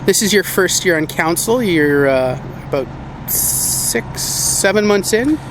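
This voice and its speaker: A man's voice: high-pitched, expressive, slow, noisy background. A man asking questions as a casual interviewer.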